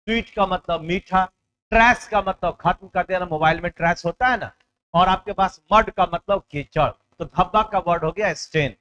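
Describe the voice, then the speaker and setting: A man teaching English vocabulary for exam prep. He explains in Hindi, reads English words out slowly and keeps checking in with his students. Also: high voice, pushed and bright, lo-fi sound.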